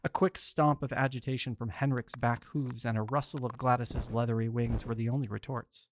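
A man's voice: medium pitch, steady tone, brisk, a little hiss or hum. A man hosting and narrating an audio story collection in a theatrical storyteller manner. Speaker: host and narrator.

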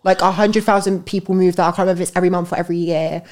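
A woman's voice: on the low side, steady tone, darkish tone. A young woman co-hosting a podcast in casual chat, peppering her talk with "like". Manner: chatty, fills every pause with "like". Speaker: podcast co-host.

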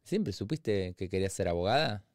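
A man with a Rioplatense Spanish accent, hosting an interview with relaxed, curious questions. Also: deep voice, moderate pace, no echo, studio quality. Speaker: interviewer, host. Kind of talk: interview conversation.

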